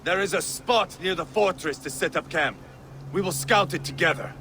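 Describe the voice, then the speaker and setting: High-pitched, gravelly, fierce Viking. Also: male voice, normal speed, slight background noise. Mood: resolute. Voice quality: gravelly, forceful. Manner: intense, commanding, theatrical. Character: fierce, vengeful, hot-tempered Viking warrior. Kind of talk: video game voice acting.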